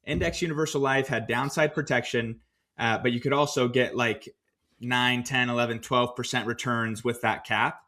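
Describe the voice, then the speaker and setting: A man co-hosting a podcast, recounting his own finance choices in a relaxed, storytelling way with plenty of fillers. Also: medium pitch, normal speed. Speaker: podcast co-host. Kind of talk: casual podcast discussion.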